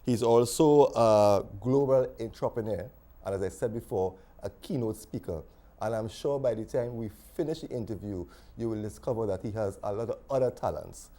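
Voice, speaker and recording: A man hosting a studio TV interview, formal and welcoming, with soft humming acknowledgements. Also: on the low side, normal speed. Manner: formal, welcoming, with filler hums. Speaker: TV talk show host.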